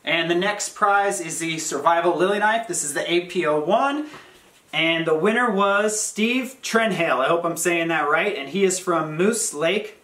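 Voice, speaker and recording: A man's voice: a little high, moderate pace, a bit bright. A young American man co-hosting a casual giveaway announcement, talking straight to viewers. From Oregon, United States. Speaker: vlog co-host. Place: home kitchen, indoors. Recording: echoey room.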